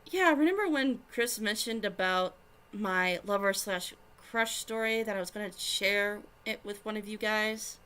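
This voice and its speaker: A woman's voice: mid-range voice, measured pace, pushed and bright, smooth. A woman voicing a smirking, teasing young woman adventurer in a fan fiction reading.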